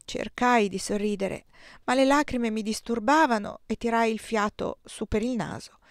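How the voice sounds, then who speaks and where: A woman reading a novel aloud as an audiobook, narrating in the first person at a calm, measured pace. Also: fairly high pitch, no echo, clean studio sound. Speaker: audiobook reader.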